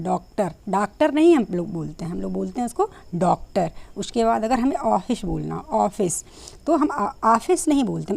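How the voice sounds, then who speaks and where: A woman's voice: mid-range voice, warm tone. A woman teacher explaining a grammar lesson patiently, with many fillers and questions to the class.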